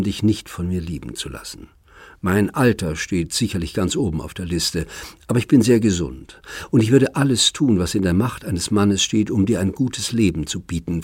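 Brief: male reader doing an earnest, lovesick older man in an audiobook; low, husky, half-whispered lines. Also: no echo, studio quality.

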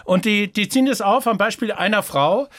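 A man's voice: high-pitched, brisk, a bit bright, dry recording, clean studio sound. A man co-hosting a casual podcast, telling his story with many hesitations and restarts. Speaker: podcast co-host.

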